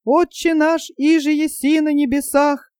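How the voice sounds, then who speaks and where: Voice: high voice, flat delivery, unhurried, a little mellow, dry recording, clean studio sound, voice pushed up. A reader voicing a cowardly man who wails and stammers in terror during a storm at sea. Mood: terrified. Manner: wailing, stammering, whimpering.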